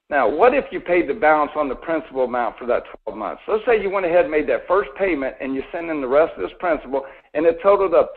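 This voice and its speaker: A man's voice: on the high side, gravelly, husky. Folksy male seminar speaker, tinny sound. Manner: folksy, asks the audience questions, mildly sarcastic. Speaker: financial seminar presenter. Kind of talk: live seminar talk to an audience.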